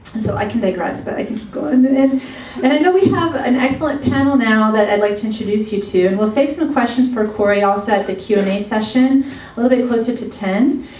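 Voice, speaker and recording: A woman's voice: on the high side, brisk, few pauses, darkish tone. A woman moderating a summit and introducing speakers, rambling with many restarts. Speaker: event moderator. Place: college event hall. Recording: roomy hall, mic far off.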